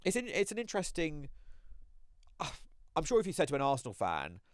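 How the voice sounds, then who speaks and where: A man's voice: fairly high pitch, wildly swooping pitch, normal speed, no room sound, studio quality. A man co-hosting a podcast who thinks aloud in a casual, rambling way about football. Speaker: podcast co-host.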